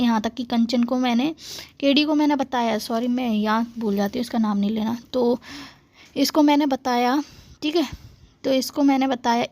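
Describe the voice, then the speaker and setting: A woman's voice: on the high side, a little mellow. A woman vlogger delivering a heated, confrontational rant to camera, often adding short check-ins to her viewers. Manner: heated, confrontational, repeats "theek hai". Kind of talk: angry vlog rant to camera.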